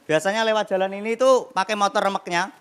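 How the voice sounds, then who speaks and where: Young man doing high-pitched stand-up. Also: quick pace. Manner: animated storytelling with acted-out voices and sound effects. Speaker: stand-up comedian. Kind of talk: stand-up comedy set. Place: television studio stage with live audience. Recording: noisy broadcast with loud crowd laughter. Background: audience laughter.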